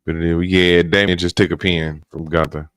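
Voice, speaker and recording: A man with a very low voice co-hosting a casual wrestling podcast. He talks in a relaxed, slangy way, drawing out his words. The sound is dry and close. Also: clean tone, no room sound. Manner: laid-back, slangy, drawn-out. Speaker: podcast co-host. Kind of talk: casual wrestling review chat.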